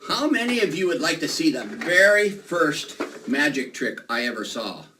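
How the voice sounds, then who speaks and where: Animated, high-pitched male kids party magician. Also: moderate pace. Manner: playful, exclamatory, coaxing children with questions and magic words. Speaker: children's magician. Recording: noisy, distant microphone.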